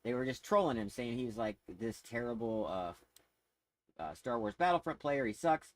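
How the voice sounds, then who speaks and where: A man's voice: medium pitch, expressive, normal speed, low-quality recording. Rambling casual male streamer. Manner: rambling, easily sidetracked, laughs often. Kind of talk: casual livestream chat.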